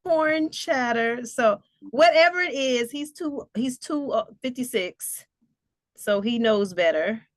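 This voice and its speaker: A woman's voice: on the high side, unhurried, no room sound. A woman co-hosting a casual political chat, musing aloud and reading out notes as she talks. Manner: musing, reads aloud, laughs often. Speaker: podcast co-host.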